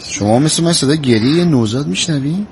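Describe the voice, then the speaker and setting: An actor with an Iranian accent playing a cautious, fussy but good-hearted husband in a TV drama. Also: male voice, on the high side, animated. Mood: surprised. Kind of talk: Persian television drama acting. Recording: noisy drama soundtrack.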